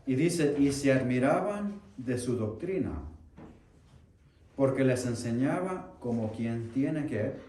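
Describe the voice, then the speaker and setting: A man's voice: mid-range voice, lively intonation, warm tone, a little hiss or hum. A male chaplain preaching in a church, putting questions to the congregation and repeating their answers. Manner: slows and rises when reading scripture aloud. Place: church sanctuary. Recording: echoey church hall, mic at a distance.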